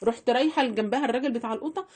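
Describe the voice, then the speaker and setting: A woman with an Egyptian Arabic accent rattles off household budgeting tips in a chatty, casual instructional vlog, repeating phrases and speaking straight to her viewers. Her voice is a little high, dark-toned, and husky, and she talks at a racing pace.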